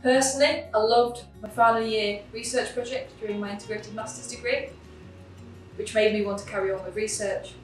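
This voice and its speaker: A young woman from the Czech Republic, a chemistry PhD student, explaining her research in an earnest, measured way with the odd um. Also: a little high, fairly even intonation. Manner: earnest, measured, with occasional ums. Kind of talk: scripted explanation to camera. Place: chemistry lab, indoors. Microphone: camera at a distance. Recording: echoey lab room with distant mic, music behind.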